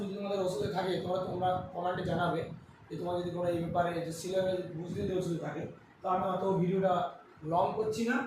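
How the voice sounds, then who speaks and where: A high-pitched man teaches grammar and works through examples at a board. He stands well away from the mic in a very echoey room, and steady background noise runs under his voice. He keeps asking the class questions and then answers them himself. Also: far from the mic. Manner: explains step by step, asks and answers his own questions. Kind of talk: classroom-style lesson at a board.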